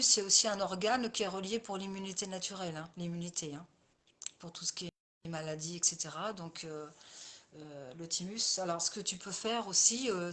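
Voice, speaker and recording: In a live session, this coach and therapist speaks to her viewers by name in a relaxed way, frequently returning to the same phrases. Her voice is on the low side, with a pushed, bright quality.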